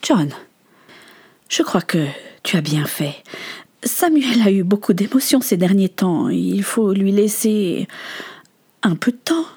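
A woman voicing a caring young aunt who speaks softly and hesitantly. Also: mid-range voice, sing-song, takes it slowly, pauses often, slightly rough, exaggerated voice. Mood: soothing. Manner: soft, hesitant.

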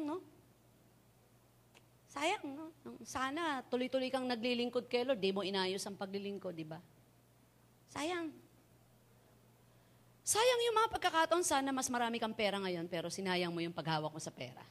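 A woman's voice: fairly high pitch, a bit bright. A woman preaching a sermon, telling a story and pressing the congregation with repeated rhetorical questions. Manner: switches between Tagalog and English.

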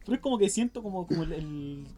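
A man's voice: sits high, lively intonation, quick pace, over music. A young man with a Chilean accent, chatting casually and explaining things at length with plenty of slang. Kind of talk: casual chat.

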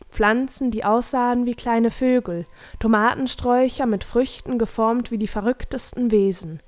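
A woman's voice: mid-range voice, darkish tone. Woman reading a storybook aloud. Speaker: narrator.

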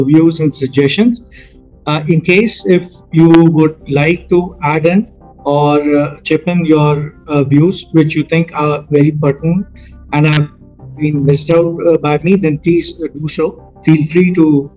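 A polite man moderates a panel in a soft-toned, dark voice. He is halting and deferential, choosing formal words. The recording is dull, with faint music underneath. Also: on the high side.

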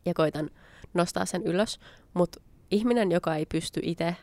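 Young woman telling a story casually, kinda low gravelly voice, dry close sound. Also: darkish tone, dry recording. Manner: chatty, acts out her own past lines with quoted asides. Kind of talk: casual spoken anecdote.

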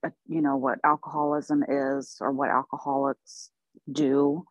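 Soft-spoken woman in her forties, lo-fi audio. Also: extremely low pitch, little pitch movement, a little slow, no room sound. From United States (Oklahoma). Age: 40s. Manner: soft-spoken, laughs often, thoughtful with many ums. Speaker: podcast guest. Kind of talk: casual interview.

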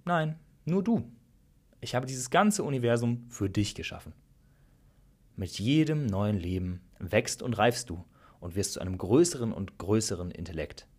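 A man reading the lines of a calm, all-knowing creator god in a spoken story, slow and explaining, with a low husky voice. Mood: patient.

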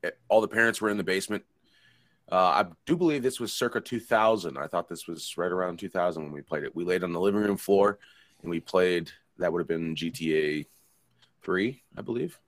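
Co-hosting a casual podcast chat, a thirty-something man tells stories in a rambling, profane, easygoing way. He speaks briskly in a low-pitched, slightly bright voice, recorded at studio quality with no room sound.

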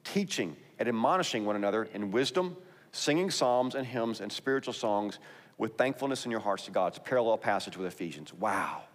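Texan pastor preaching in a reverberant hall. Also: male voice, fairly low pitch, expressive, brisk. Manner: conversational, emphatic preaching with scripture readings. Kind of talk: sermon. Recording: long reverb in a large hall.

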